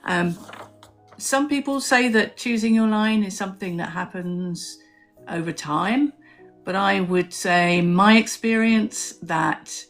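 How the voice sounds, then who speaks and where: A woman talks through a live stream in a low, easy register. She muses and tells her own story, pausing on fillers, with faint music behind her. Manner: reflective, storytelling, with frequent fillers. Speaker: author hosting a live stream. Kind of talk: casual live-stream talk.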